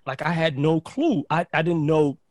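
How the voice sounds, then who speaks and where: This man from Barbados, a lively storyteller guesting on a podcast, chats casually, often saying "like," repeating words, and restarting. His voice is on the high side at normal speed, recorded cleanly in a studio with no echo.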